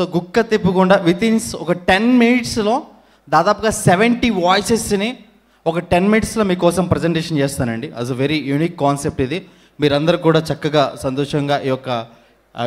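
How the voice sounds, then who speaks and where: A man with a Telugu accent, a mimicry artist greeting an awards audience on stage with formal courtesy. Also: a little high. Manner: formal, courteous, rapid speech. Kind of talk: stage introduction.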